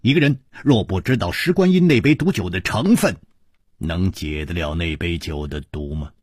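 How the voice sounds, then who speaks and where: A male storyteller voicing a calm, shrewd hero who speaks low and measured, with a sneer. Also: husky, dry recording, studio quality. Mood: cool.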